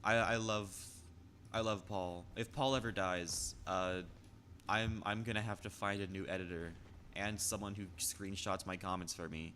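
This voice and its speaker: A man's voice: low-pitched, steady tone, normal speed, sharp tone, slight background noise. A young man chatting casually on a stream, rambling with frequent stammers and restarts while reading chat.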